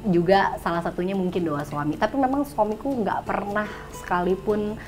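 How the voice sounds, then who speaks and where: A woman in her thirties, a guest telling her own story in a lively, casual way, often laughing as she talks. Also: mid-range voice, normal speed, over music.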